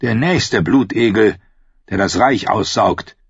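A man's voice: fairly low pitch, takes it slowly, vocal fry, breathy edge, no room sound, dull audio, heavily acted. A man voicing a stern, rigid middle-aged king in an audiobook, severe and clipped.

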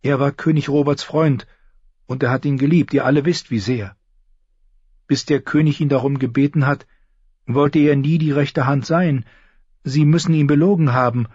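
A man voicing a nervous, earnest young noble girl who speaks softly and pleadingly, in a slightly muffled audiobook recording. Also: on the high side, fairly even intonation, moderate pace, breathy edge, dry recording, pitched above the performer's own voice. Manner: soft, pleading.

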